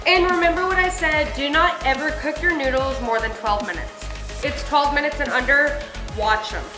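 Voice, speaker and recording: A woman's voice: high-pitched, normal speed. A woman hosting a home cooking video in a casual, chatty way, informal and rambling, recorded indoors in a kitchen. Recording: echoey room with background music.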